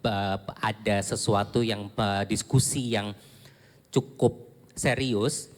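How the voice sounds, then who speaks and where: A man's voice: on the low side, fairly even intonation, slow, big-room sound. A man sharing a church testimony with casual, joking asides. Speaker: husband giving testimony. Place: large indoor church venue.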